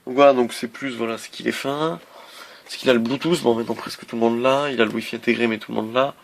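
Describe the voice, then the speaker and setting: A man's voice: mid-range voice, fairly even intonation, fast, gravelly, slight background noise. A man casually reviewing a laptop on camera, hesitant, with many fillers and restarts. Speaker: tech reviewer.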